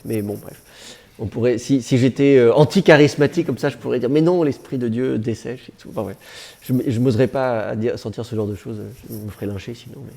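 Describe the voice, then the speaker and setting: In a classroom lecture, a man teaches biblical Hebrew in a medium-pitched, creaky voice with a dark tone. He keeps it conversational and digressive, slipping in jokes.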